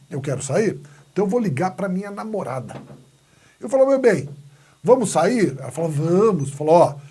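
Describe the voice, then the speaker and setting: A man's voice: high-pitched, darkish tone, husky. A Brazilian man teaching a grammar lesson, asking and answering his own questions and acting out little skits. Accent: Brazilian Portuguese. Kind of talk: lively classroom lesson with playful asides. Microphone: recorded video lesson.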